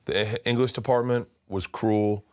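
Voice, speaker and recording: A comedian in his fifties telling stories as an interview guest, animated and swinging between loud and hushed. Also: on the low side, normal speed. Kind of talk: candid storytelling in conversation. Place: his studio.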